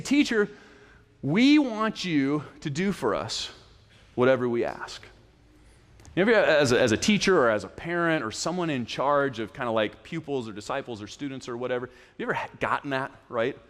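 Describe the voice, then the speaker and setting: A man in his thirties, a pastor giving a casual, conversational sermon that often restarts its phrases. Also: mid-range voice. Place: church sanctuary. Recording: reverberant church hall.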